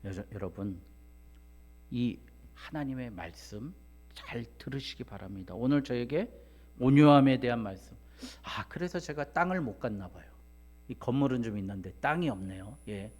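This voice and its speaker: A man preaching a sermon, swinging from loud emphatic rises to hushed, almost whispered asides and firing rhetorical questions at the congregation. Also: mid-range voice, normal speed. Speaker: pastor.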